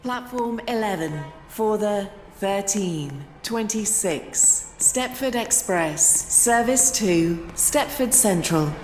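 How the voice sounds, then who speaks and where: A woman's voice: medium pitch, expressive, slow pace, hardly any pauses, darkish tone, soft background music. A woman giving scripted train station announcements in a formal manner, phrase by phrase like pre-recorded segments. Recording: echoey station PA, long reverb, ambient noise.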